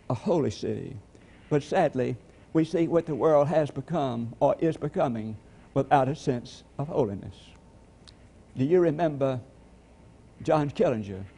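A man preaching a sermon, with slow, emphatic repetitions. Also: mid-range voice, vocal fry, dark tone, husky. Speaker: pastor.

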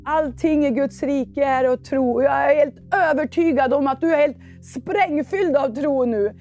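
High-voiced woman preaching with fervour. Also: warm tone, lo-fi sound, faint music behind. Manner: fervent, informal, with many fillers; prays aloud in tongues. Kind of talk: charismatic sermon with prayer. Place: church meeting before a congregation.

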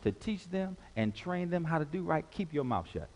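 A man's voice: a little high, animated, normal speed, a little mellow. A man preaching a sermon as pastor, leading the congregation in call-and-response with repeated phrases and rising emphatic passages. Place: church sanctuary. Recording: long hall reverb.

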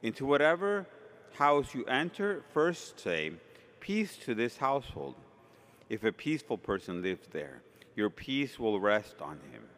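A man's voice: medium pitch, sing-song, unhurried, a bit bright. A man speaking solemnly as a priest at Mass, his voice carrying in a cathedral echo in a large church. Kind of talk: gospel reading and homily at Mass. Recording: long cathedral-like reverberant echo.

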